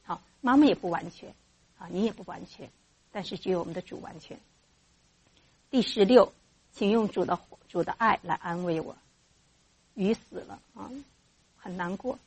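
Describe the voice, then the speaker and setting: A woman giving a church teaching to mothers about raising children in faith, lively and acting out parent and child voices as she goes. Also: medium pitch, normal speed, long pauses, slightly rough.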